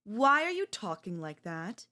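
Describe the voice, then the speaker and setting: A woman performing an ASMR audio role-play as a girlfriend, speaking calmly with a cutting, quietly possessive edge. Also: medium pitch, unhurried.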